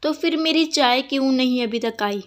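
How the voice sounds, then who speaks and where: A woman voicing a cranky older mother-in-law who nags and shouts complaints. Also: high-pitched, normal speed, lightly acted. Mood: scolding.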